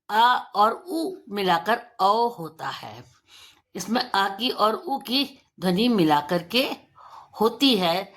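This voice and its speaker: A woman teacher giving a pronunciation lesson for children, stretching out example words slowly and deliberately. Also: mid-range voice, a bit bright. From India.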